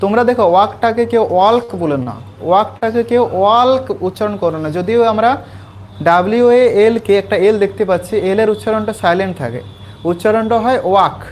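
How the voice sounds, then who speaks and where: A man's voice: high voice, darkish tone, a little hiss or hum. A man from West Bengal tutoring school students in English, explaining a textbook passage step by step and stopping often to check that they follow. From West Bengal, India. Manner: patient, repetitive, checks understanding with quick questions. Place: small class with students present.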